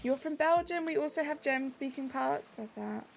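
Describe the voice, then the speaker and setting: Her voice is high and creaky, delivered at normal speed. She's a British woman streaming a game, chatting casually and reading viewer messages in a bubbly way, with light music behind her.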